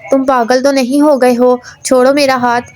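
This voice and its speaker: A woman's voice: high voice, flat delivery, a little mellow, no echo, natural voice. A woman reading as a scared, angry young mother. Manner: pleading and scolding. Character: young mother, frightened of deep water, angry.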